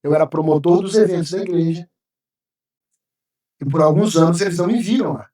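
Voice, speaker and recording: A man's voice: high voice, a little fast, mellow. Pastor man telling his testimony, gets worked up, mic a bit far off in an echoey room. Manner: emotional, vivid storytelling, acting out his own past words. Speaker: pastor, podcast guest. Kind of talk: personal testimony in a podcast interview. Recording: roomy sound, mic at a distance.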